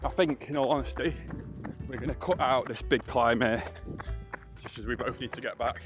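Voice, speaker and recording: A man's voice: mid-range voice, moderate pace, music in the background. A man talking casually while running outdoors on a country road, as a vlog host.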